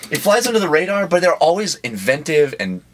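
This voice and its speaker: A man's voice: big pitch swings, fairly quick, a little hiss or hum. A man co-hosting a casual podcast, enthusiastic and jokey, bantering with the others. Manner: enthusiastic, jokey, swooping pitch. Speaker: podcast co-host.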